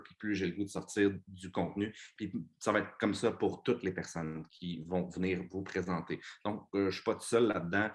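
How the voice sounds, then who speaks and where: A man with a Québécois French accent giving an energetic motivational talk to his business team, casually swearing and mixing in English words. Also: deep voice.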